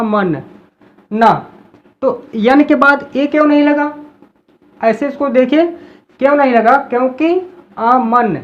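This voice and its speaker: High-voiced woman teaching, dull recording. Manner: repeats example words slowly to drill them. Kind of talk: classroom-style explanation.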